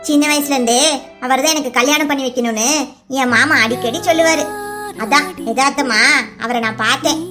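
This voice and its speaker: Woman doing a cartoon village girl, very high squeaky voice, pleading, music underneath. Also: fairly quick, lightly acted. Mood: earnest. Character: sweet timid young village girl Mohana.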